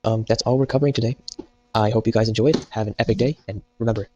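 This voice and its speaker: Typing away, a young man walks through a programming tutorial in a jokey, meme-heavy style in this casual screen recording. He speaks quickly in a lowish, steady voice, and the noisy audio has its highs cut off.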